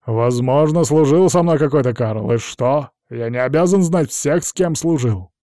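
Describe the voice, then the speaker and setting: A man voicing a blustering middle-aged colonel who growls and shouts his denials. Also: mid-range voice, moderate pace, no echo, studio quality, lightly acted. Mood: angry bluster.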